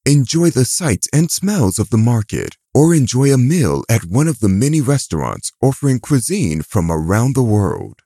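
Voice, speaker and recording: Casting: male audio guide narrator, highly animated intonation, soft husky edge, polished and measured. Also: dry recording, studio quality.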